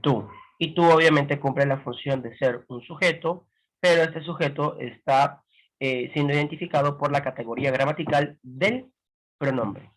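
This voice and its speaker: A man teaching a grammar lesson, explaining slowly and checking in with frequent rhetorical questions. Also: a little high, low-quality recording. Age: adult with a grown son.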